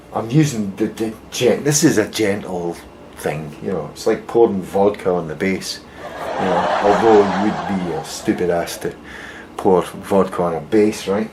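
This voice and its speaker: A Scottish bass luthier works through a casual workshop tutorial, muttering wry jokes and swearing offhandedly. The recording is very noisy and the room echoes.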